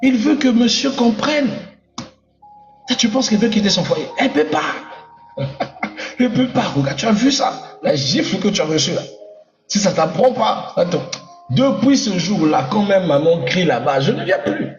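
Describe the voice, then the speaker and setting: A man preaching a lively sermon, playful and animated, acting out little scenes as he goes. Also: high voice, normal speed. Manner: animated, playful, acts out voices in his stories. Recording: echoey hall, dull sound, faint music.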